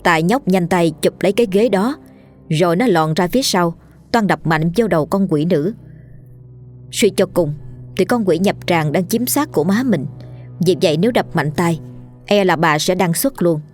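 A woman with a Southern Vietnamese accent narrating a ghost story in a lively, colloquial storytelling manner. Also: on the low side, moderate pace, soft background music.

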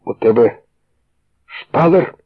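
A greedy, cowardly young crook grumbles and shrieks in a strained, raised voice, as a man puts him on. The sound is husky, tinny and phone-like. He whines for his share. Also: expressive, normal speed, no echo. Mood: hysterical. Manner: grumbling, shrill, pleading.

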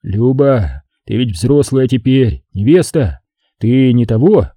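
A man's voice: mid-range voice, big pitch swings, takes it slowly, slightly rough, no room sound, narrow, tinny audio, exaggerated voice. A man reading an audiobook, voicing a tender, teasing grown man who talks in fatherly banter.

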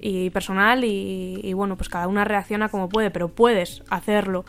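A woman's voice: mid-range voice, fairly even intonation, normal speed. A woman in a casual discussion, thinking aloud hesitantly. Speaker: radio show participant.

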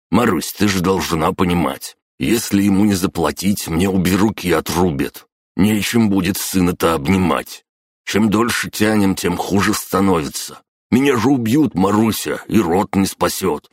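A man's voice: deep voice, husky, no room sound, clean studio sound, pitched above the performer's own voice. Man doing a pushy, wheedling deadbeat. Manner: pushy, wheedling, rising to panicky. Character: rough, begging deadbeat father, middle-aged man.

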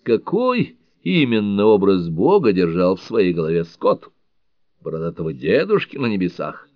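A man reading an audiobook, voicing a thoughtful, skeptical middle-aged man who speaks in a measured, reflective way, on a dull lo-fi recording. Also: sits low, sing-song, no echo.

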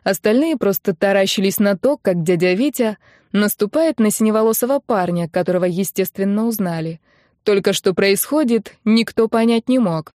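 A woman narrating an audiobook in a lively, expressive storytelling manner. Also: medium pitch, normal speed, no echo, clean studio sound. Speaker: audiobook reader.

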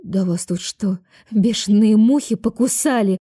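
A woman voicing an elderly aunt, now young-looking, who is indignant and excitable. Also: medium pitch, moderate pace, no echo, clean studio sound, natural voice. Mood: exasperated.

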